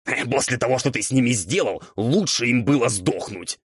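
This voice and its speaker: A man's voice: medium pitch, very animated, a bit bright, breathy edge, no echo, studio quality, voice pushed up, heavily acted. A man voicing an old, sly and whiny male ghoul mentor who bickers indignantly in an audiobook. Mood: squabbling. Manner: quick, indignant squabbling. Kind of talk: audiobook character voice.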